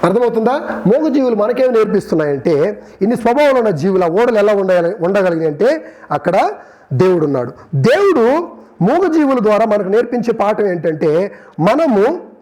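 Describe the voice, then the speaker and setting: A man preaching a sermon with a high-pitched voice. He tells his points as lively stories and keeps turning to the congregation with questions, waiting for their answers. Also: brisk.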